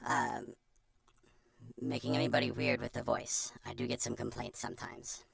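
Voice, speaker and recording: A streamer with an artificially pitch-shifted chipmunk voice gives an informal, self-deprecating how-to presentation in a chatty manner. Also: monotone, moderate pace, no room sound, clean studio sound. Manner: chatty, self-deprecating, breaks off into muttered asides. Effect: pitch shifter giving a chipmunk voice.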